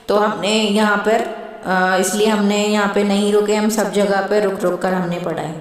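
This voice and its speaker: Woman teaching slow recitation in echoey room. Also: medium pitch, little pitch movement, recorded from a distance. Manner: recites verses slowly in a drawn-out chant, then explains in plain talk. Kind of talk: slow recitation lesson with explanation.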